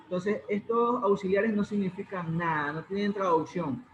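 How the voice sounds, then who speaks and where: A high-pitched man explains grammar on a muffled video call, his voice bouncing around an echoey room. He is patient and repeats each rule. A faint hum sits underneath. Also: steady tone, moderate pace. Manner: patient, repeats points, prompts students. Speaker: English teacher. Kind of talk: online class, explaining grammar.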